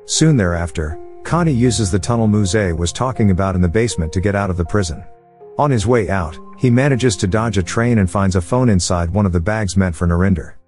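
A man narrates a film plot in a steady, even scripted read. His voice sits low, and it is recorded close to the mic. Soft music plays faintly behind him. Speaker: movie recap narrator.

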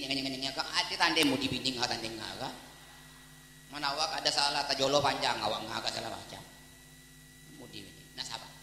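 High, bright-voiced Palembang preacher. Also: male voice, slight background noise. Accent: Palembang Malay. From Palembang, Indonesia. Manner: lively storytelling, mimics dialogue, breaks into song snippets. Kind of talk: humorous sermon with storytelling. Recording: echoey hall with long reverb.

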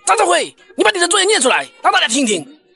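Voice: extremely high pitch, wildly swooping pitch, racing, vocal fry, sharp tone, no room sound, clean studio sound, soft background music, exaggerated voice. A performer voicing a strict, exasperated schoolteacher berating a class in a comic cartoon skit. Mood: stern. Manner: berating, emphatic.

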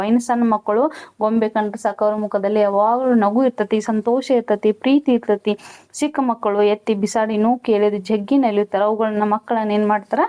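A woman's voice: mid-range voice, smooth, dull audio. A woman teacher explains a school lesson, asking questions and then answering them herself.

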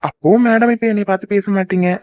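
Guy doing a teasing cartoon boyfriend, fast coaxing talk, dull lo-fi sound. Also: high-pitched, steady tone, darkish tone, no echo, close to an everyday voice. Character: young man, teasing devoted boyfriend. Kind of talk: cartoon voice acting.

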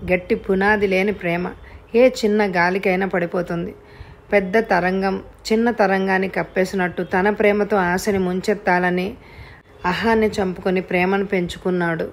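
Lady reading a novel aloud, slow and measured, mid pitch. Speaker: audio novel narrator. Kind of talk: scripted novel narration.

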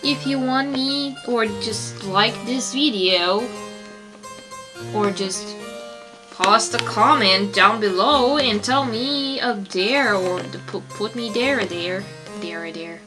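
Speaking slowly in a fairly high voice, a young Romanian woman who makes toy videos responds to viewer comments in a loose, meandering vlog. She comes across as exasperated and leans heavily on fillers, and the rough recording has music underneath.

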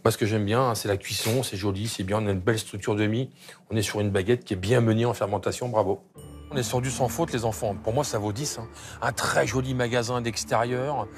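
A man judging a bakery on a TV food show, giving brisk expert appraisal of the bread inside the shop. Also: lowish voice, fairly even intonation, faint music behind. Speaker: bakery judge. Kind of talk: food tasting commentary.

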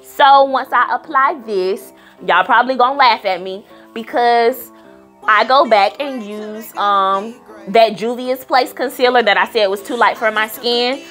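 A woman's voice: fairly high pitch, unhurried, a bit bright. A woman giving a casual makeup tutorial in a sassy, playful manner, talking straight to her viewers. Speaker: beauty vlogger. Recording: music playing behind the voice. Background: background music.

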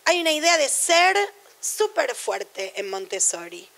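A woman's voice: sits high, very animated, a little slow, gravelly, a bit bright. A middle-aged woman with a Rioplatense Spanish accent giving a university lecture on education in a chatty, digressive way, full of anecdotes and asides.

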